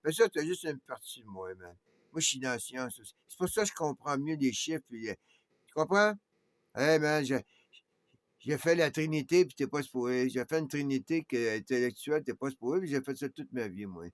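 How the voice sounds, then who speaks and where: A man's voice: medium pitch, animated, a little fast, dry recording. A man with a Québécois accent, talking in a rambling monologue that jumps between ideas, with constant tags like "man" and "hein". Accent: Québécois French.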